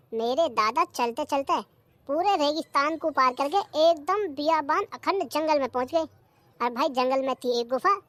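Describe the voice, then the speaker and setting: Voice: high-pitched, a bit bright, no room sound. A voice actor doing a bragging cartoon villager. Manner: bragging storyteller. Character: boastful young villager spinning a tall tale. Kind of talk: cartoon comedy voice acting.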